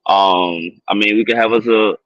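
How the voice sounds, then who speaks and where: A man's voice: fairly low pitch, fairly even intonation, moderate pace, fairly bright tone, no room sound. A man chatting casually and plainly as a dating show contestant, over dull call audio. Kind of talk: casual chat.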